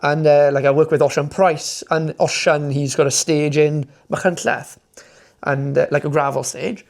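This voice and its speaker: The speaker is a young man from Wales who speaks Welsh fluently and creates motoring content, appearing as a podcast guest in an easygoing interview. His slightly high, creaky voice stays steady at a moderate pace. He rambles keenly, often restarting and filling pauses.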